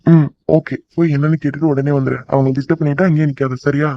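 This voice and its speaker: Man as a suspicious cartoon boyfriend, quick terse lines, muffled dry sound. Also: on the high side, steady tone, no room sound, natural voice. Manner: terse, instructing. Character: young man, questioning and bossy.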